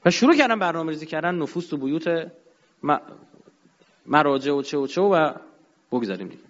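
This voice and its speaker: Man lecturer, high pitched, emphatic delivery, muffled lo-fi recording in a reverberant hall. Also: lively intonation. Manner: emphatic, rising and dropping sharply. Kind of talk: religious-political lecture. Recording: dull sound in a long-reverb hall.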